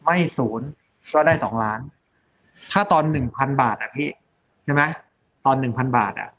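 A man's voice: medium pitch, moderate pace, muffled recording. A middle-aged man, a surgeon and company head, talking casually and animatedly in an interview, often checking with tag questions. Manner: chatty, animated storyteller, many tag questions.

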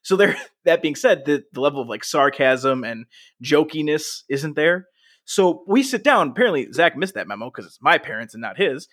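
A man's voice: a little high, sing-song, normal speed, fairly bright tone. A young man co-hosting a casual podcast, wry and exasperated, laughing often. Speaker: podcast co-host.

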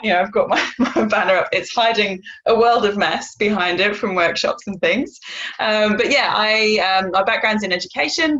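A woman's voice: medium pitch, a bit bright, lo-fi sound. A woman from North Wales, in her thirties, answering interview questions in a chatty way full of fillers, over a video call. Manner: chatty, many fillers, laughs easily. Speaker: guest.

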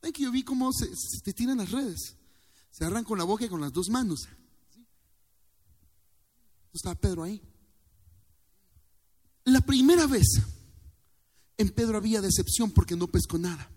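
Male pastor with a high voice, a fervent call-and-response sermon, reverberant church hall. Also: fairly quick, long pauses, warm tone.

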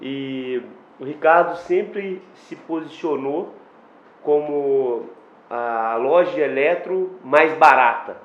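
An excited man hosts a podcast and jumps in with quick reactions and questions. His voice sits a touch high. The sound is roomy and slightly dull. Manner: enthusiastic, quick interjections. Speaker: podcast host. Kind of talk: casual podcast interview.

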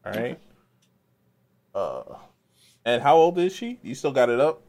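A man co-hosting a casual podcast, talking in a relaxed, drawn-out way with many pauses. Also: medium pitch. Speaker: podcast co-host. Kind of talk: casual chat.

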